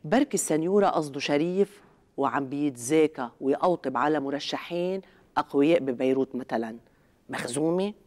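A woman's voice: low voice, brisk, a little mellow. A middle-aged Lebanese woman hosting a satirical TV show, delivering a sarcastic, escalating comedy rant full of mock outrage. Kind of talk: scripted satirical comedy monologue. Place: TV studio.

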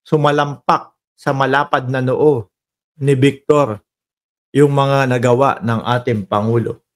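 A man's voice: mid-range voice, fairly even intonation, measured pace. A man doing casual political commentary, reading viewer comments in a mocking, teasing way and firing off rhetorical questions.

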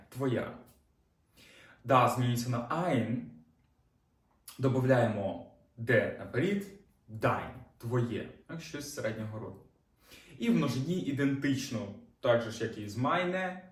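Guy teaching a lesson, calm step by step, roomy echo, bit far from the mic. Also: medium pitch. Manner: patient step-by-step explaining, with fillers. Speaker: German teacher. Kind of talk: online language lesson.

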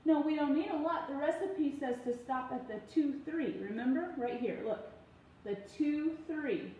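Her high, mellow voice moving at a normal speed, a parent in her thirties runs a cooking demonstration in her home kitchen. She talks casually to the camera and her child, giving step-by-step instructions in a patient but firm way. The room is very echoey with faint noise, captured by a phone propped on the counter about arm's length away.

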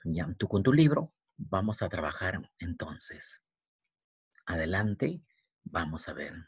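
Husky man teaching vowels slowly. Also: deep voice, sing-song, dry recording. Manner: slow, spells letters one by one, repeats words. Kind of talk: classroom language lesson. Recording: dull, dry, lo-fi recording.

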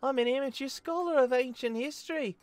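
A man's voice: very high-pitched, fairly quick, no echo, soft background music, pitched above the performer's own voice. A man voicing a friendly female amateur scholar in a put-on Australian accent, chatty and helpful. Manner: chatty, helpful, explaining directions.

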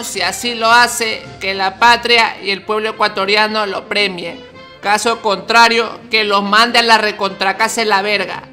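Comedy dub: man doing a rude ceremony official, bright tone, faint music behind. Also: high-pitched, full character voice. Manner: mock-formal address laced with slang and swearing. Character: irreverent male official swearing in the president.

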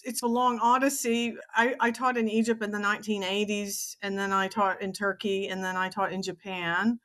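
A Texas woman in her sixties with an American accent talks conversationally as a podcast guest; she is an author and teacher. Her mid-range voice is a bit bright, and she speaks at a normal speed with a flat delivery.

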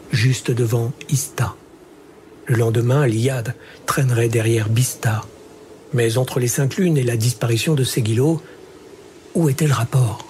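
A man narrating an audiobook in a measured, calm, unhurried way. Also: mid-range voice, slight background noise. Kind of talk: scripted narration.

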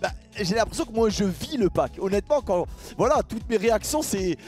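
Excitable high-voiced young man. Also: fairly quick. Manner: excitable, shouts and drags out words at big reveals; chatty, keeps addressing viewers as "the guys". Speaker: gaming YouTuber. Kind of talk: casual pack-opening commentary. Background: background music.

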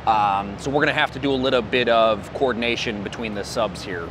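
A man's voice: lowish voice, brisk, noisy background. A young man casually showing off a construction job site in a big empty warehouse, explaining work plans in a loose, sometimes profane way. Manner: casual and profane, explains while walking around. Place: large empty warehouse building under construction.

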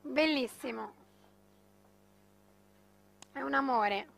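High-pitched woman giving an infomercial pitch. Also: drawn-out words, vocal fry, a bit bright. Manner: emphatic, gushing, urging viewers to buy. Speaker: TV shopping host. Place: TV shopping studio.

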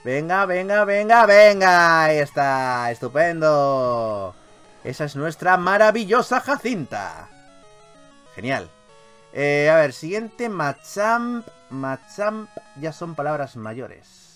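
This man from Spain narrates a gameplay video slowly and clearly, his fairly high, very lively voice carrying a resonant tone. His commentary is theatrical and crude with frequent repeated phrases, over faint game music.

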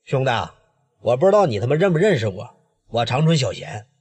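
A man voicing a protective, hot-tempered gang leader with a Northeastern Mandarin accent, speaking low and steady. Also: fairly quick, slightly rough, big-room sound. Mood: stern. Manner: low and steady, turning fierce.

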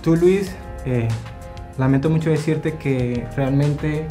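Man as calm businessman, web drama, light music bed. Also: on the high side, takes it slowly. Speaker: customer Carlos. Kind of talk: scripted web drama acting.

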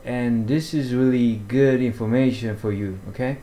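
A man walking through fishing apps over a screen recording, talking haltingly with many fillers and restarts. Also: mid-range voice, steady tone, dark tone. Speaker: fishing vlogger. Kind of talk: screen-share app walkthrough.

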